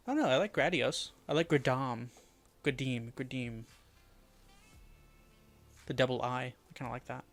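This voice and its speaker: A man streaming live, thinking aloud as he mutters and repeats made-up names to test how they sound, often dropping to a quiet murmur. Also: medium pitch, moderate pace, vocal fry, long pauses, soft background music. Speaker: streamer building a fantasy world.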